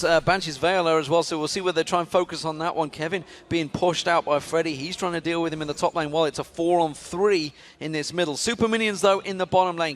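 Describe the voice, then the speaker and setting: A man giving live play-by-play commentary on an esports match, excitable and climbing in pitch when the action picks up. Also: a little hiss or hum. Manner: excitable, rises sharply in pitch during action.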